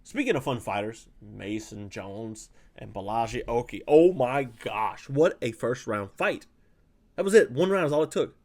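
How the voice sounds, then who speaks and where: A fight analyst from South Louisiana, USA, hosts a casual fight breakdown close to a desk mic, chatty and rambling with many fillers and self-corrections. His medium-pitched voice is animated and darkish in tone, at a normal pace.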